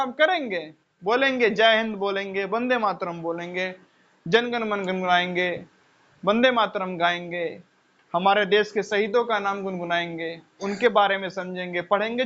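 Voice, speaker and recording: A man's voice: very high-pitched, pushed and bright. A man teaching a class in a conversational way, full of rhetorical questions and repeated phrases. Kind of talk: lecture with personal stories. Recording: dull lo-fi sound.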